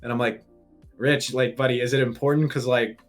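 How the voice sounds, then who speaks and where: A young man in his twenties co-hosting a casual podcast, telling an animated story and swearing freely. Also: medium pitch, brisk, soft background music. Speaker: podcast co-host.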